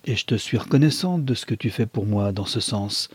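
A man's voice: fairly quick, a little mellow, husky, dry recording. A man voicing an unhappy young wife who pleads earnestly with her husband in a read novel. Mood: pleading. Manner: earnest, rising in pitch when pressed.

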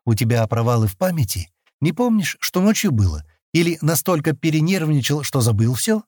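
Audiobook role: male reader doing an insistent alien woman, raised, animated, husky. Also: on the high side, fairly quick, dry recording, clean studio sound, voice pushed up. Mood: teasing. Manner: persistent, probing questions. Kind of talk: audiobook character voice.

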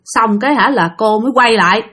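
A woman's voice: fairly high pitch, fairly quick, a bit bright. A woman telling a ghost story in a chatty, dramatic way, talking straight to her listeners.

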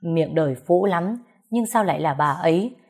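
A woman narrating a dramatic ghost story in a calm, measured reading. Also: on the low side, husky.

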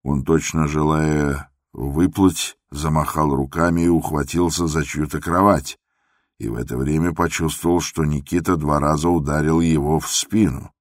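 A male narrator reads a literary drama in a measured, grave way. His voice is extremely deep, and the recording is dry and close. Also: fairly even intonation, no echo.

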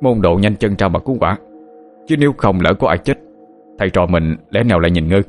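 A man's voice: low-pitched, a little mellow, soft background music, close to an everyday voice. A man doing an urgent young monk disciple. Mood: urgent pleading. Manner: hurried, urging.

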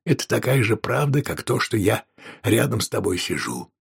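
A man reading an audiobook, voicing a calm, scheming innkeeper who speaks low and insistently with a raspy voice. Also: normal speed, exaggerated voice. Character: calm, scheming middle-aged male innkeeper. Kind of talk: audiobook character voice.

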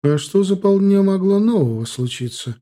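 A man voicing a stern, sharp-tongued grandmother in an audiobook, snappish and scolding. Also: sits high, expressive, moderate pace, voice pushed up. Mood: calm. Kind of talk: audiobook character voice.

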